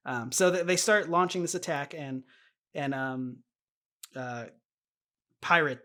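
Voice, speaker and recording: A man's voice: on the high side, slow pace, pushed and bright. A man co-hosting a podcast, explaining a show in casual chat and laughing often. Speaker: podcast co-host.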